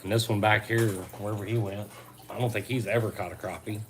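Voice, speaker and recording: A man's voice: on the low side, flat delivery, quick pace. A man chatting casually and teasing while tying fishing jigs on a livestream in his garage. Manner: dry, teasing, folksy. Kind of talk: casual chat while working. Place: home garage.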